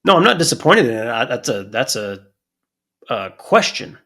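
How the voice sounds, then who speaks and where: A man's voice: medium pitch, very animated, moderate pace, vocal fry, sharp tone. A man co-hosting a podcast in casual chat, blunt and swearing freely, often cutting in over his co-host.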